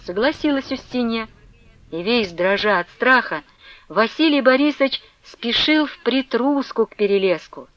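A woman's voice: on the high side, dry recording. Woman reading a classic story aloud. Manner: measured, expressive reading. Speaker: audiobook reader. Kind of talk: expressive story narration. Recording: dull, dry lo-fi recording.

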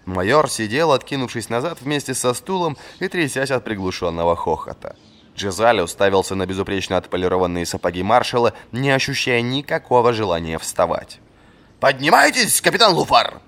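A man narrating a fantasy audiobook in a lively, expressive scripted reading. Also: on the low side, brisk.

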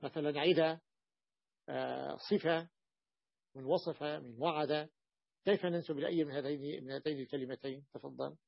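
Male grammar teacher, slightly higher voice, repeats himself and quizzes the class, dull lo-fi recording. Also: steady tone, a little fast, vocal fry, pauses often, no echo. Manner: repeats terms, fillers, questions to class. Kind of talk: explaining a grammar text to students.

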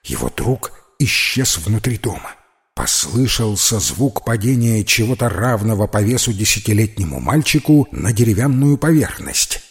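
A man narrating a children's tale as an audiobook, with slow, expressive storytelling. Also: lowish voice.

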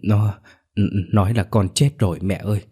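A man's voice: on the low side, steady tone, moderate pace, mellow, husky. A man voicing a timid, worried old village mother who speaks hesitantly. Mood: anxious.

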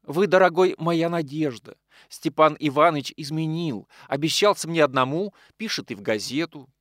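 A fawning newspaper editor coaxes and sweet-talks in a wheedling voice, as a man reading a novel puts him on. The lines rise and fall in a lively way. The sound is dry and close. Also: on the high side, normal speed, dry recording, pitched above the performer's own voice. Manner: wheedling, ingratiating. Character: fawning, scheming middle-aged male newspaper editor.

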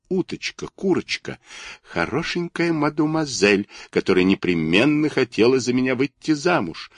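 A man's voice: medium pitch, husky, no room sound, voice pushed up. A man voicing a boastful, quarrelsome little male toy figurine with a bragging, squealing manner.

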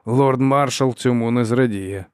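A man's voice: medium pitch, a little slow, clear, resonant tone, no echo, clean studio sound, natural voice. A man voicing a stern, blunt young officer who chides his friend.

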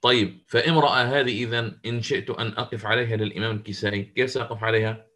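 A man leads an online class on Quranic recitation. His voice sits at an ordinary middle pitch. He walks through each rule step by step and keeps stopping to question his students. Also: steady tone, racing, fairly bright tone. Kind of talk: interactive online lesson.

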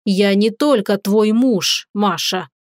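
A woman voicing a stern, commanding dragon man who heads a warrior clan, speaking in a measured, lecturing way. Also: medium pitch, a little mellow, no room sound, clean studio sound, close to an everyday voice.

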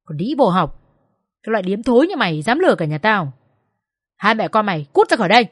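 A woman's voice: medium pitch, lively intonation, normal speed, no room sound, studio quality, lightly acted. A woman voicing a furious, abusive older mother-in-law who shrieks insults. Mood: enraged.

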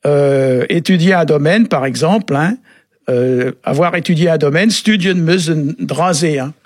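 Male radio language expert, husky and halting, very dry sound. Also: a little high, dry recording. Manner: halting, often adds "hein" and "euh". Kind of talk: relaxed explanatory radio chat.

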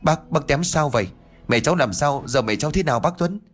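Frantic young man in a ghost story, high and pleading, played by a male narrator. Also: lively intonation, a little fast, soft background music. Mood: panicked. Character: distraught young man, nephew, panicky.

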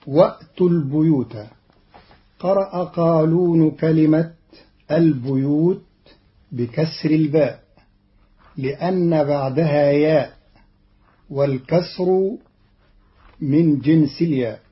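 A man giving a scripted radio explanation of Quran readings, in a slow, measured and formal way. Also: fairly high pitch. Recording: dull lo-fi archive radio recording.

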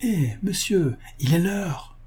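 A man's voice: high-pitched, animated, takes it slowly, mellow, breathy edge, pitched above the performer's own voice, exaggerated voice. A man voicing an alarmed loyal manservant. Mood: urgent. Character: male household servant, loyal and alarmed.

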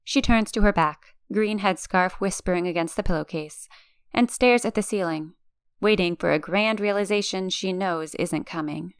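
A woman reading fan fiction aloud as a podfic, narrating in a calm, gentle storytelling manner. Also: on the low side, moderate pace, clean tone, dry recording, clean studio sound. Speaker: podfic reader.

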